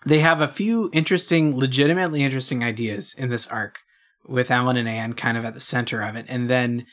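A man's voice: mid-range voice, quick pace, a bit bright. A man co-hosting a podcast with casual, wry show commentary. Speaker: podcast co-host.

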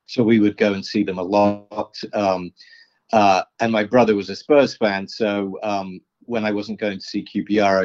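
A man, speaking as an artist guest in a casual interview, pausing often with ums and uhs. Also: lowish voice, darkish tone. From England. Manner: hesitant, many ums and uhs. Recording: dull lo-fi sound.

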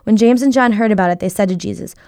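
A woman reading a Bible passage aloud in brisk, even, scripted narration. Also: medium pitch, no room sound, clean studio sound. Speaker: Bible reader.

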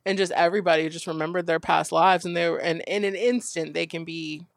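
A chatty man co-hosting a casual podcast, his voice a little high for a man and gravelly with fry. He jumps in eagerly and likes to explain things. The sound is dry and close. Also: fairly even intonation, a little fast, no room sound. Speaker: podcast co-host. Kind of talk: casual chat.

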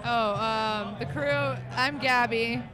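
A woman's voice: on the high side, slow pace. Playful woman asking questions on the street. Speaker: podcast co-host asking questions. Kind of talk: casual street chat. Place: outdoors on a busy city street. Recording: busy street with music and crowd. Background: music and crowd chatter.

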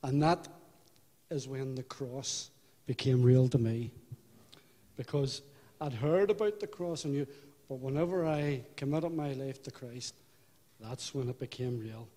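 An older man with a Belfast accent giving a personal testimony in church, unhurried and reflective, with halting restarts. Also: medium pitch, dark tone. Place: church hall. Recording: hall reverb.

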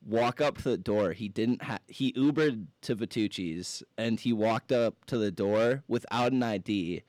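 Laid-back young man with a low voice. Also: measured pace, darkish tone, no echo. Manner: laid-back, joking storyteller. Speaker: podcast host. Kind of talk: casual chat.

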